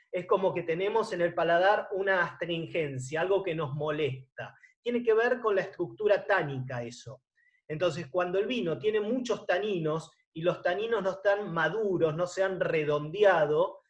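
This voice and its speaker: High-voiced man teaching wine. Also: lo-fi sound. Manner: explanatory, often checks in with a rising "¿sí?". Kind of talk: online lecture.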